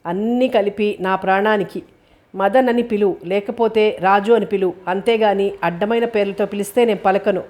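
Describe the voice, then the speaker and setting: A woman's voice: mid-range voice, steady tone, moderate pace, darkish tone, natural voice. A woman voicing an irritable young man who snaps indignantly at his grandmother. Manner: snappish, indignant.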